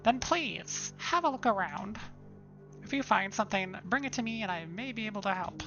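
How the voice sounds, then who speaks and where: A woman voicing an excitable, formal male historian character from a game. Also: mid-range voice, normal speed, muffled recording, music in the background, pitched above the performer's own voice, lightly acted. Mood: excited formal. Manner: formal, eager, over-polite.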